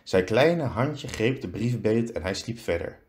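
Man reading a story aloud, expressive. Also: lowish voice. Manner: expressive, slowing for effect. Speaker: teacher.

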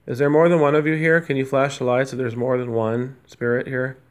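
During a hotel-room paranormal session, a man speaks briskly in a mid-range voice with flat delivery, politely coaxing spirits through hesitant questions. He's an amateur investigator, and loud noise overlays the recording.

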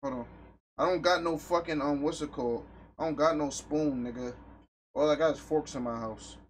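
A man streaming live from home, talking loudly and crudely to his chat with lots of swearing. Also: a little high, normal speed, slight background noise. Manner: loud, crude and profane, reacting to chat. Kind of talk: casual live stream talk.

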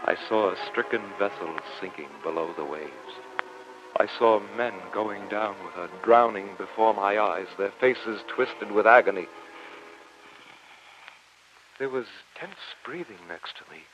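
A man's voice: on the low side, moderate pace, over music, close to an everyday voice. A man playing a grave, observant professor who narrates his ordeal in an old radio drama with formal, dramatic description. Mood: grave, horrified. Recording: muffled old radio recording.

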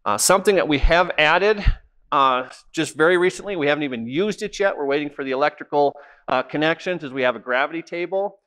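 A middle-aged man who manages a seed program leads an informal walking tour of a cleaning plant and wheat fields, speaking plainly with many "uh" fillers. His voice is a little high, a bit bright, and smooth, moving a little fast, with no room sound.

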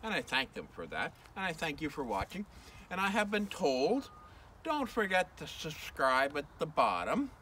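A man's voice: fairly high pitch, wildly swooping pitch, normal speed, sharp tone. An older man, a grumpy old man complaining bluntly as he hosts an outdoor vlog to camera. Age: older, 60s or 70s. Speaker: vlog host. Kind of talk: outdoor video rant to camera. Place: outdoors in an open grassy field. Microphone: camera a few metres away. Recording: far from mic, outdoor ambient noise.

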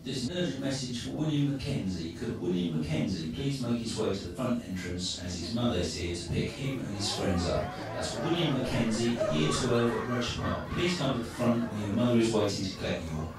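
A man's voice: medium pitch, expressive, fairly quick, natural voice. An English male announcer played by an actor makes a sitcom public-address call. The sound is heavily reverberant and a little distant, with music behind. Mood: matter-of-fact. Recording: echoey venue announcement over music.

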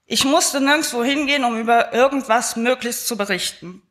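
Chatty woman with a fairly high voice. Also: fairly quick, fairly bright tone. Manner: chatty with frequent filler sounds. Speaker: conference speaker. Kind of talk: live talk, conversational.

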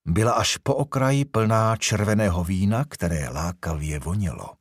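Husky male audiobook narrator. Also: fairly low pitch, dry recording, studio quality. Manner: even, measured storytelling. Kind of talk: scripted narration.

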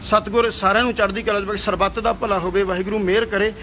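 A man's voice: high-pitched, little pitch movement, quick pace, pushed and bright, slight background noise. Heated young man ranting. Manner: heated, scolding, repeats himself. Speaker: actor and singer. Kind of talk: angry video rant.

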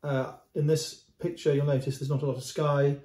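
A middle-aged man with a mellow, relaxed voice talks through a painting for the camera, unscripted, with frequent repeated words and restarts. He is filmed at close range indoors, and the room gives his voice a noticeable echo. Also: on the high side, brisk. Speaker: antiques dealer. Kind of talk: casual video commentary on a painting. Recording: roomy echo.

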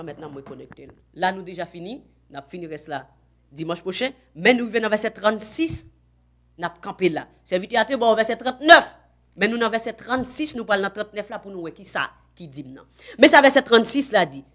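A woman with a Haitian accent teaching a Bible lesson, reading verses out slowly and loudly, then dropping into quick, quiet asides. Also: fairly high pitch.

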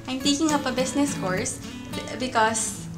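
A nineteen-year-old Filipino woman speaking slightly high in pitch, hesitant and self-conscious as she answers a camera interview. Loud music plays under her voice the whole time. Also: normal speed. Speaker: student interviewee. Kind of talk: street-style video interview.

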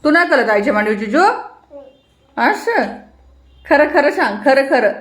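A young woman speaks in a high, singsong baby-talk voice at home. She questions and prompts a toddler and scolds gently now and then. The room is echoey. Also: expressive, fast. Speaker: mother and vlog host.

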